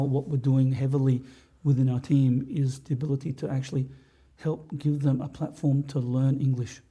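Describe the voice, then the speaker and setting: A man speaking as a podcast guest, earnest and halting, often restarting his sentences. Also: medium pitch, warm tone, slightly rough. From Australia. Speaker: podcast guest, business owner. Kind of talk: candid interview talk.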